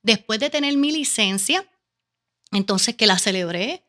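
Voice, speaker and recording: A woman's voice: a little high, animated, measured pace, bright, forceful tone. A woman with a Caribbean Spanish accent telling a personal story casually as an interview guest, animatedly acting out her own questions and remarks. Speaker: interview guest, teacher and educational consultant.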